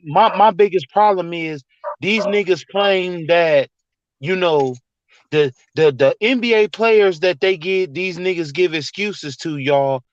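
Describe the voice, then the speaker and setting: Male remote co-host on a breaking-up video call, slow and blunt with slang, lo-fi dry line. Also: high-pitched. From Northeast Ohio. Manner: blunt, heated, street slang. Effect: breaking-up, glitching video call audio. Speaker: podcast co-host. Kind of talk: casual sports debate.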